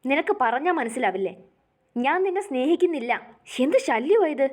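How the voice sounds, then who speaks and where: A woman's voice: on the high side, fairly even intonation, moderate pace, mellow, husky. A woman voicing a stern young man who curtly rejects his fiancée in a storybook reading. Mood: cold. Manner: curt, dismissive. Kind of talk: storybook narration.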